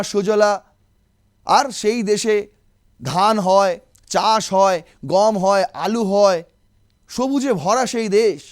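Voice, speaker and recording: A man delivers political commentary in a high-pitched voice. He talks emphatically, keeps asking rhetorical questions, and turns sarcastic.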